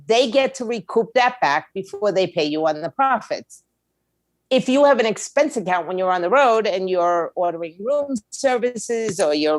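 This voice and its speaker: Blunt and plain-spoken, this woman gives candid advice conversationally as an interview guest; she works as a music attorney and owns a label. Her mid-range voice has a darkish tone, and the recording is dry.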